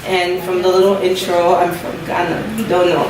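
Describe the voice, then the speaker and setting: A woman's voice: lowish voice, little pitch movement, moderate pace. Playful young woman, noisy echoey room. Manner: joking and playful. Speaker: guest. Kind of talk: casual group chat. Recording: echoey room with loud noise from a distant mic.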